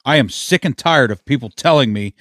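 A man's voice: medium pitch, animated, fairly quick, fairly bright tone, no room sound, clean studio sound. Fired-up profane man. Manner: heated, profane, emphatic ranting. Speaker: podcast host. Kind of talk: casual beer-tasting chat.

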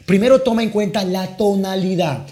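A man teaching sales persuasion who deliberately plays with his tone, speed and volume, mixing dramatic pauses with sudden bursts. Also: sits high, mellow, faint music behind. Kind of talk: teaching lesson with role-played phone calls.

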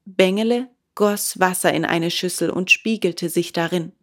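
A woman reading a children's book aloud in a calm, measured way. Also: fairly low pitch. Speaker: audiobook reader.

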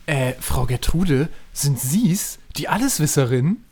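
A man's voice: fairly high pitch, animated, slow, a little mellow, breathy edge, pitched above the performer's own voice, exaggerated voice. A man doing a fussy, bossy professor. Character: fussy male professor commander, self-styled clever one. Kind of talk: amateur radio play acting.

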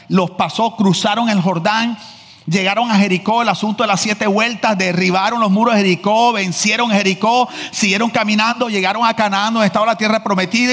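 A man preaching a sermon as pastor, telling stories in a lively, joking manner. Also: high voice. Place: large church hall. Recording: echoey church hall.

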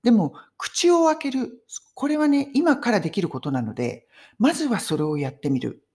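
A woman's voice: on the high side, big pitch swings, moderate pace, darkish tone. A middle-aged woman giving a casual English conversation lesson on video, talking in an emphatic, friendly teaching tone. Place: home in London.

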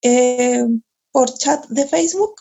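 Speaking slowly with vocal fry and a mellow, breathy edge, a young Chilean podcast host recounts something from her own life. Her voice sits slightly high, her Chilean Spanish is loose and slangy, and she curses and laughs frequently.

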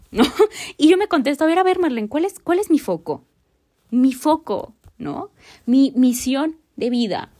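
A woman's voice: mid-range voice, warm tone. A woman hosting a motivational podcast, talking earnestly and reflectively straight to the listener. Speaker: podcast host.

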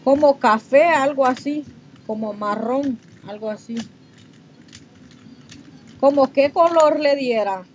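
A woman with a Honduran Spanish accent chats casually with viewers on a livestream while doing her makeup, reading and answering their comments. Her voice sits high and she speaks slowly, pausing often, and the livestream audio is muffled and noisy.

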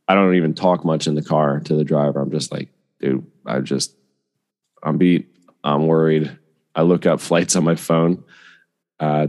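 A man's voice: a bass voice, darkish tone, big-room sound. A man hosting a podcast, telling a personal story in a casual, conversational way and often quoting his own words. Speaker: podcast host.

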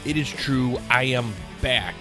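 Over music, a man with a medium-pitched, slightly nasal voice hosts a solo podcast at a measured pace, rambling casually with many fillers and restarts. He sounds worn out while getting over an illness, and he's recorded on a studio mic.

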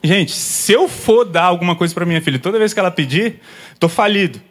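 A man in his thirties preaching as a pastor, telling lively stories about his young daughters and acting out their conversations. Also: sits high, fairly quick. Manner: lively storyteller, acts out family scenes. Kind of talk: sermon with personal anecdotes.

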